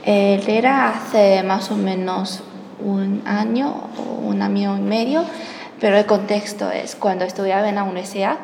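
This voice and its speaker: In an echoey hall with faint background noise, a young Chinese woman tells a personal story as an interviewee, speaking in a second language; her first language is Chinese. Her mid-range voice is steady in tone, unhurried and creaky. She comes across as hesitant, searching for words and correcting herself.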